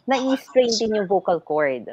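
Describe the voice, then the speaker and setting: A woman's voice: medium pitch, sing-song, slow pace, over a noisy crowd. A woman ENT doctor, a guest on a health talk show, explaining things patiently in a mix of English and Tagalog.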